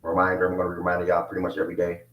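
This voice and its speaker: A man in his twenties races through a live sports talk show in a deep monotone, rambling and relaxed with plenty of fillers. The sound is lo-fi: his mic isn't connected, so he's recorded from a distance in an echoing room.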